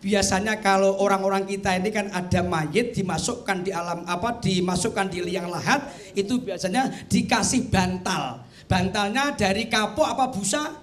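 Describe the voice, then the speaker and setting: A man's voice: sits high, normal speed, fairly bright tone. A man with a Javanese accent preaching a humorous sermon as kyai, chatting with and teasing his audience. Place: TV studio with audience. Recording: audience noise behind.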